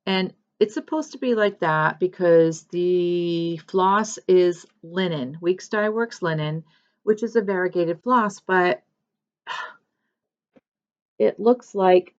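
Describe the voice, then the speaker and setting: Slow-talking, chatty woman vlogger. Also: lowish voice, muffled recording. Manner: chatty, rambling, self-correcting. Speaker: cross-stitch vlogger. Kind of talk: casual show-and-tell chat.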